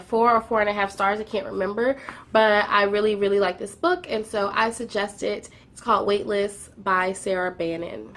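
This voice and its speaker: A young woman, a book vlogger, runs through her monthly reading in a casual wrap-up, a bit congested because of a cold. Her medium-pitched voice is a bit bright, and she often says "um" and repeats words for emphasis.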